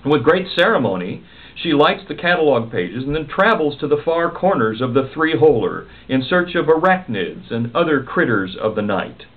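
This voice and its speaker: A man reading a comic story aloud in a wry, animated storytelling manner. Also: fairly high pitch, moderate pace. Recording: narrow phone-like sound.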